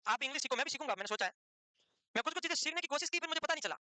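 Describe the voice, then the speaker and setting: A man teaching a class at a quick clip, his voice high and bright. He scolds, jokes and teases students between dictated notes, and the sound is dry and close. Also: expressive, dry recording. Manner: brisk, scolding, teasing joker. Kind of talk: classroom lecture.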